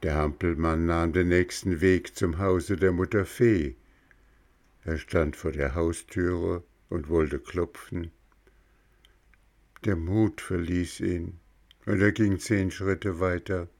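A man reading a children's storybook aloud in a calm, measured way. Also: deep voice. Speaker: narrator.

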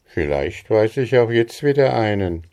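A man reading the part of a steady, thoughtful young farm lad who speaks earnestly, in a storybook reading. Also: fairly low pitch. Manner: deliberate, earnest.

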